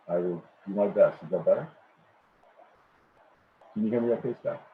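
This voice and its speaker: Deep-voiced guy presenting on a video call, all muffled like he's behind a wall, tinny audio, lots of ums. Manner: halting, with many ums and repeated words. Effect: muffled, as if heard through a wall. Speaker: project presenter at a public meeting. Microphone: computer microphone on a video call. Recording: muffled, tinny online-meeting audio with faint noise.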